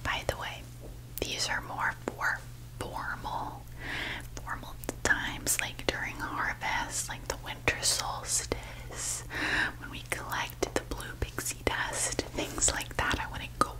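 A woman doing a whispered role-play as a gentle fairy designer attending to a customer, in a soft breathy voice. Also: slow, low-quality recording. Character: gentle female fairy designer showing customer clothes and crowns.

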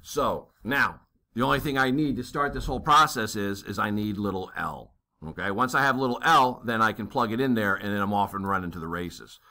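Talking over what he writes, a male navigation instructor solves a navigation problem step by step, full of fillers and brief "okay?" checks as he thinks aloud. His voice is on the low side, bright, and somewhat tense.

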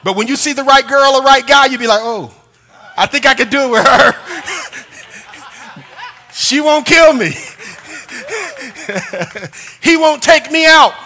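An older male pastor preaching with humor and shouted bursts, calling on the congregation to answer. His voice is unusually high and bright for a man. It rings out in a long church reverb. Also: measured pace, pauses often. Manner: humorous, shouting emphasis, call-and-response. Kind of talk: sermon. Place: church sanctuary.

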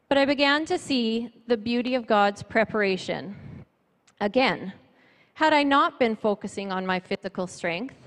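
A middle-aged woman with a mid-range voice delivers a sermon on a church stage, sharing personal testimony and reading scripture from notes in a measured, earnest way. She speaks into a handheld microphone to a seated audience indoors, and the amplified sound echoes through the reverberant hall.

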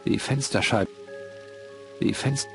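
A man's voice: medium pitch, takes it slowly, vocal fry, soft background music. A man voicing a young male hero in a fantasy adventure game, speaking in short, dry, curt remarks. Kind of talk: video game voice acting.

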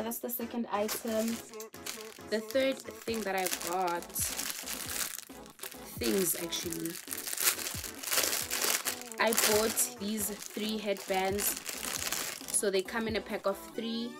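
A young woman with a South African accent, chatting casually through a shopping haul in her bedroom, with drawn-out reactions and Zulu words mixed in. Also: medium pitch. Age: young adult. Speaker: vlogger. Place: bedroom, indoors. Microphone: camera in front of her. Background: music.

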